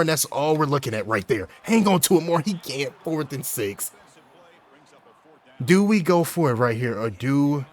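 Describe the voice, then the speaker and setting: A young man giving live commentary over his own football video game, talking to himself and bursting into yells on big plays. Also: mid-range voice. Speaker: gaming YouTuber.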